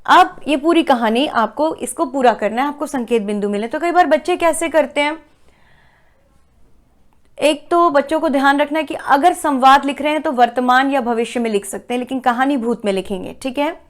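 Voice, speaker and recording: Woman teacher with a high-pitched voice, patient classroom delivery, steps through the material and often asks if students follow. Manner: explains step by step, checks understanding with "ठीक है?"; slows down to read example sentences aloud. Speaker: Hindi teacher. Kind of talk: classroom explanation.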